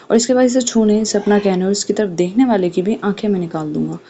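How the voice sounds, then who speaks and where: A woman's voice: medium pitch, dark tone, close to an everyday voice. A woman voicing a cold, domineering young mafia man who speaks bluntly and with threats, on a dull lo-fi recording with faint hiss. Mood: menacing.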